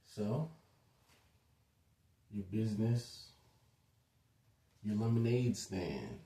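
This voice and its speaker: Man, casual lecture, mellow tone, conversational asides, echoey room, set back from the mic. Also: lowish voice, animated, very slow. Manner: conversational and loose, with many asides and fillers. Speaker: speaker giving a short lecture. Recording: roomy echo, distant from the mic.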